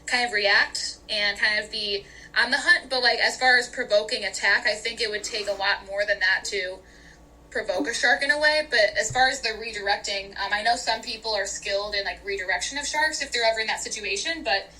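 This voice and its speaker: A young woman in casual podcast chat, animated and laughing often, with lots of fillers. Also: medium pitch, fairly quick, slight background noise, rough recording.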